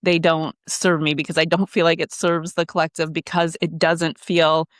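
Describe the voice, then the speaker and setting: A woman's voice: low-pitched, little pitch movement, moderate pace, dry recording. Woman, podcast guest, candid, emphatic, blunt, dry close sound. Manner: emphatic and blunt, swears freely. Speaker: podcast guest, business coach. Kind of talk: candid conversational interview. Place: in Canada.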